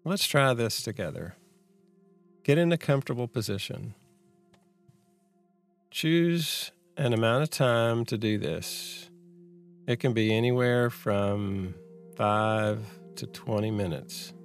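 Slow, gravelly man guiding a meditation. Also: medium pitch, no echo, soft background music. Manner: measured, unhurried, pausing between short phrases. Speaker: guided mindfulness teacher. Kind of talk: slow guided meditation, reflective talk on anxiety.

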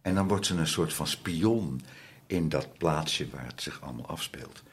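A man's voice: very deep voice, measured pace, husky. A man chatting as a guest about reading audiobooks, talking easily with frequent restarts. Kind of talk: casual interview chat.

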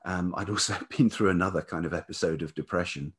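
Low and a little breathy, this older man's voice moves fast. As a guest on a podcast, the writer and musician shares personal stories with reflection, hesitating and thinking things through as he goes.

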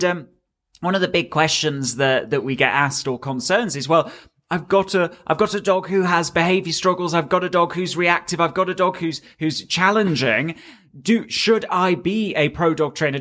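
An enthusiastic man co-hosts a casual podcast, urging listeners on with warm repetition. His voice sits a little high for a man, and his talk is loose and conversational. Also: normal speed. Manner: enthusiastic, encouraging, repeats words. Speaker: podcast co-host.

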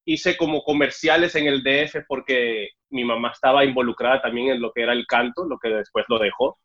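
A young Cuban-born man, speaking Spanish with a Mexican accent, recounts his story as a guest in a casual interview, raising his voice to act out the dialogue. His medium-pitched voice is brisk and fairly bright, with fairly even intonation, though the audio sounds dull and muffled.

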